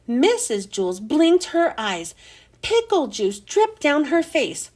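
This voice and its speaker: A woman reading a children's chapter book aloud with expressive, animated storytelling. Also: high voice, takes it slowly.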